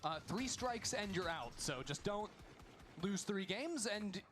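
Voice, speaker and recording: A man doing energetic live play-by-play commentary on an esports match. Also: high voice, slight background noise. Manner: quick energetic calls of the action.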